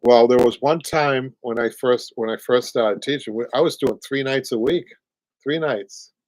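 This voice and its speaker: A man's voice: medium pitch, normal speed, no echo, rough recording. An older man with a Boston accent, hosting a casual live show and chatting while he reads out viewer comments. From Boston area, USA. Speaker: host, upholsterer. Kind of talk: casual live-stream chat.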